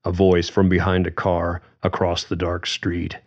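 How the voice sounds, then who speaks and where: A deep-voiced man reads a story aloud, slow and measured, leaving space between his phrases. The recording sounds slightly dull and muffled. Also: monotone. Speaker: narrator. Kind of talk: fiction reading.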